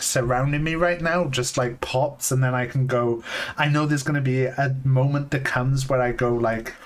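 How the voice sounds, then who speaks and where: A man in his late thirties streaming live from a home setup. He talks casually and candidly, restarting sentences often and filling pauses with "like.". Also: medium pitch. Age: 30s. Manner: halting, candid, full of "like" fillers and restarts. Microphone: desk mic on a long cable. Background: faint lo-fi music playing.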